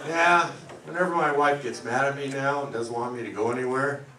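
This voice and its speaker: A middle-aged man doing a stand-up comedy set, delivering deadpan one-liners. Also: mid-range voice, a little fast, recorded from a distance. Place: comedy club lounge. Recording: echoey club, mic heard from afar, loud noise. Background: audience laughter.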